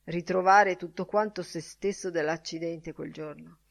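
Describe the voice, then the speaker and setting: A woman reading a classic novel aloud in measured audiobook narration, lifting her voice for the quoted characters. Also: on the low side, fairly even intonation, creaky. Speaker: audiobook reader.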